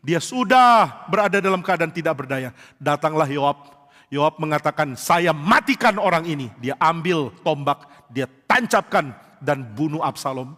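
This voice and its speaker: A male pastor delivers an emphatic sermon, leaning on rhetorical questions and slipping into the voices of the people he quotes. His voice sits fairly high for a man. The sound carries the long reverb of a church hall. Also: animated, measured pace, a bit bright.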